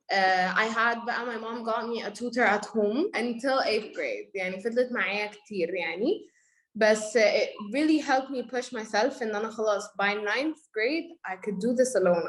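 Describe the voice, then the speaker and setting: A young Egyptian woman with an Egyptian accent talks at a rapid clip, her voice sitting a little above the usual woman's pitch. She slips between English and Arabic in one breath. She voices her parents and teachers with animated little quotes as she goes. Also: rough recording. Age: young adult. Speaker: guest. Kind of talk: conversational storytelling.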